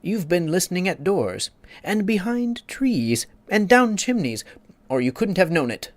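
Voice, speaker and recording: A man's voice: sits high, very animated, no room sound, pitched above the performer's own voice. A man voicing a pompous, easily offended egg creature who lectures and takes offense. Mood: indignant. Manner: haughty, quick to take offense, lecturing.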